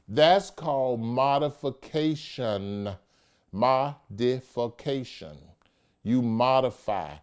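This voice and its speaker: A man's voice: medium pitch, expressive, takes it slowly, a little mellow, smooth. A man working as a judge, hosting a legal vodcast, explaining things with emphasis and playful asides, slipping into casual speech. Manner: emphatic, playful, lapses into informal speech and mock dialogue. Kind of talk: animated explanatory talk.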